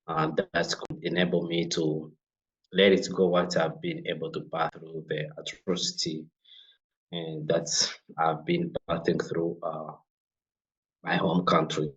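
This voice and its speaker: Deep-voiced young Congolese man, halting. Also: fairly bright tone, poor audio. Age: young adult. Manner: halting, many fillers and restarts. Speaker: guest, refugee-led organization founder. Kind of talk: interview conversation.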